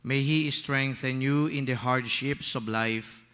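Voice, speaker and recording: Man, priest, slow solemn intoning, bright edge, long cathedral echo. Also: mid-range voice, steady tone, smooth. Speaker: priest presiding at Mass. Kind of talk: liturgical prayer and blessing. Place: large church. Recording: long church reverb on a PA mic.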